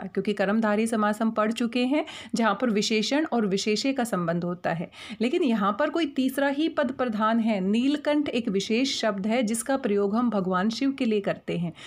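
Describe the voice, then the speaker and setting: A woman with a fairly high voice teaches grammar from her slides. She is patient and methodical, and she slows down to spell out every example word. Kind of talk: explaining grammar over slides.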